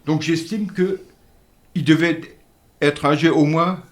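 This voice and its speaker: An older man from Moselle, France, whose first language is Alsatian-Lorraine Franconian dialect, tells village history as a radio interview guest. He's an earnest, measured storyteller with halting restarts, his voice on the high side and steady, recorded on a studio microphone.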